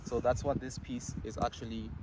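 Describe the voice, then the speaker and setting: A man from Zimbabwe talks about his art in an outdoor interview. He speaks haltingly, with many fillers, at a middle pitch. Loud outdoor noise sits behind him. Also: little pitch movement. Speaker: bead artist. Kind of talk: casual interview. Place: outdoors at a zoo.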